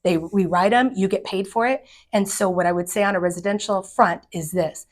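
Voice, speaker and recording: A middle-aged woman, a commercial real estate agent, giving direct and energetic advice to fellow agents. She often acts out the people she quotes. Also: mid-range voice, a little fast.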